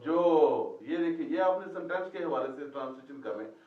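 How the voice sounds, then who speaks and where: A man's voice: on the high side, lively intonation, moderate pace. Man teaching in an echoey classroom. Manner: quizzing, repeating students' answers. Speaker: Quran Arabic teacher. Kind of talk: classroom lesson with questions to students. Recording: echoey, distant, dull lo-fi classroom recording.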